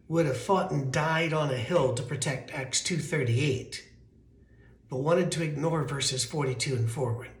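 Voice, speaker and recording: An American man, a pastor giving an informal, earnest sermon with stories and scripture, his voice thin and weakened by allergies. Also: fairly high pitch. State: voice weak from allergies. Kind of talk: conversational sermon with storytelling and scripture reading. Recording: roomy, echoing sound.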